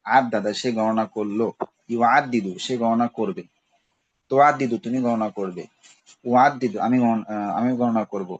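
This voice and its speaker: A man's voice: lowish voice, muffled recording. A man teaching a class on Arabic grammar, patiently repeating each verb form with its meaning and checking in as he goes. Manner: checks in with "ঠিক আছে". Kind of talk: recorded class lesson.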